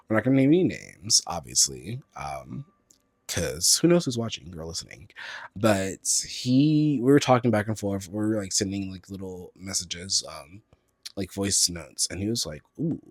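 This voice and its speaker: A campy man hosts his podcast alone on a close mic. His voice leaps from high squeals to low murmurs, and the dry, close sound has almost no room in it. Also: breathy edge, no echo. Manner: campy, playful, swings between loud squeals and low murmurs. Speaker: podcast host. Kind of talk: solo podcast monologue.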